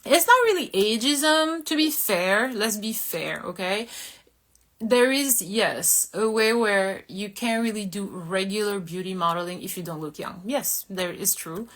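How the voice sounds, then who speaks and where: Her voice is mid-range and a bit bright, delivered at a measured pace. She's a woman in her thirties from Korea, a model and livestream host, chatting casually and candidly with her viewers, wandering off topic and being self-deprecating.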